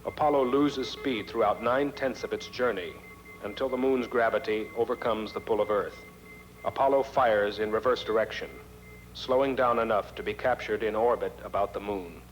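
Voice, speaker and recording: A man's voice: fairly low pitch, moderate pace. A man reading scripted narration for a documentary, on a muffled archival film soundtrack. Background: music.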